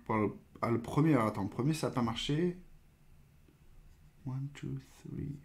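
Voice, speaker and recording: A man hosts a live coding stream, thinking aloud with hesitations and trailing phrases as he tests code and reads viewer questions. His mid-range voice has vocal fry and a moderate pace, with slight background noise.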